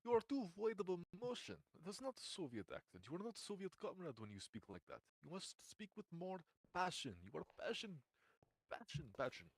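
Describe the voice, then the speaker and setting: A man's voice: sits high, big pitch swings, fairly quick, no echo, voice pushed up, exaggerated voice, poor audio. A man putting on a jokey Russian accent as a bossy, passionate Soviet comrade, clipping words and using broken English. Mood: lecturing. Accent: put-on Russian. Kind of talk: joking impression among friends.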